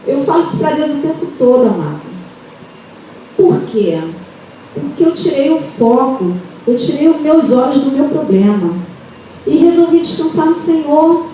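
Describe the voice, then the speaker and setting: Brazilian woman, church testimony, lively storyteller, warm tone, boomy hall reverb. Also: moderate pace, a little hiss or hum. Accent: Brazilian Portuguese. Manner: animated storytelling, addresses listeners as "amados". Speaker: church member giving testimony. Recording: very echoey hall, taped from far off.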